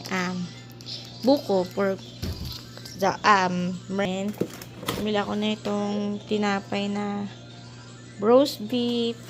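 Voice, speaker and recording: A woman's voice: mid-range voice, level tone, slow pace, long pauses, over music. A woman chatting casually in a home vlog, showing her fridge and her groceries, switching between Tagalog and English. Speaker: vlogger. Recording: noticeable background noise.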